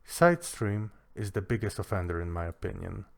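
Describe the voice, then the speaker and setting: A man's voice: deep voice, sing-song, moderate pace, creaky. A man giving a casual product review, with a dry, joking manner.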